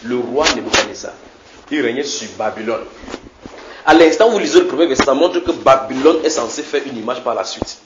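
A man's voice: mid-range voice, fairly quick, roomy sound, highs cut off, noisy background. A man preaching a sermon in a church, teaching animatedly with frequent repetitions and questions to the congregation. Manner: animated, repeats words, asks the congregation questions.

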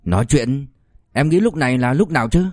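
A man voicing a stern, hurried army officer husband in an audiobook, brusque and urgent. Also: mid-range voice, expressive, darkish tone, dry recording, clean studio sound, close to an everyday voice.

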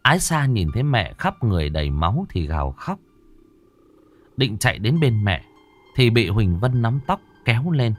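A man narrating a horror story in a slow, expressive, dramatic manner. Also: mid-range voice, soft background music.

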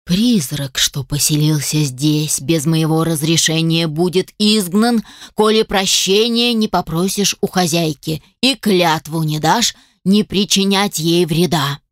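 A man's voice: on the high side, a little slow, fairly bright tone, no room sound, studio quality. A woman voicing an angry, commanding castle spirit who growls menacing decrees, in an audiobook reading. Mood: stern menacing.

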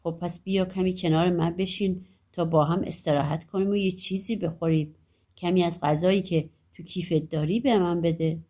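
A woman voicing a helpful magical dwarf who gives calm instructions in a storybook. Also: lowish voice, natural voice. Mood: friendly. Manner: instructing, matter-of-fact.

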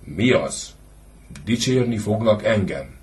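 A man doing a gruff, scornful father. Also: on the low side, lively intonation, darkish tone, voice pushed up, close to an everyday voice. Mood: gruff, mocking. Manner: gruff, mocking. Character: stern scornful middle-aged father.

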